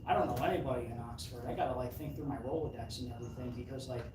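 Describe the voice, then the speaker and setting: Performing mind reading live at an indoor venue, a woman with a very deep voice talks very fast, keeping her patter playful, self-deprecating, and spontaneous. A distant mic captures the echoey space and faint noise.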